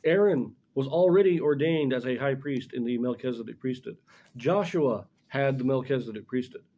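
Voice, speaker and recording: In a small indoor room before a blackboard, a middle-aged scripture commentator gives an informal religious lesson. He explains deliberately and corrects himself along the way, his medium-pitched voice carrying a dark tone.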